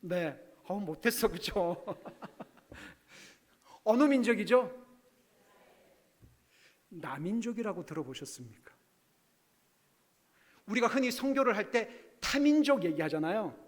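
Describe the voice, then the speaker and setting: A man preaching a sermon as a missionary, in an animated way that swings between quiet asides and loud outbursts. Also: high-pitched, slow, long pauses. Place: church sanctuary. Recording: long hall reverb.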